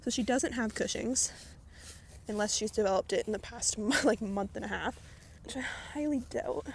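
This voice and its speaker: While grooming her horse outdoors at a barn, a woman chats for her vlog in a medium-pitched voice with vocal fry, fairly even intonation, and moderate pace. She rambles breathlessly with lots of filler words, and there's slight background noise.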